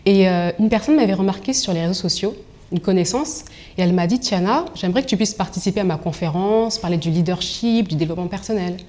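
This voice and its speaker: A young adult woman from Angola and Congo speaks fast in a lowish voice. She's a professional coach being interviewed, articulate and expressive as she tells her own story.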